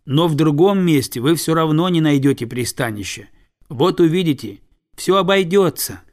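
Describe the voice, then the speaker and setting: A man's voice: on the high side, expressive, moderate pace, natural voice. A man voicing a small eager boy in a storybook reading, with a raised, urgent calling voice. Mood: coaxing.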